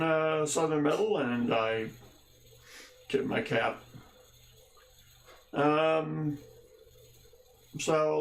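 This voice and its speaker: A man's voice: on the high side, creaky, echoey room, slight background noise. A man hosting a casual livestream, greeting viewers by name with wry, rambling jokes and asides. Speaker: livestream host.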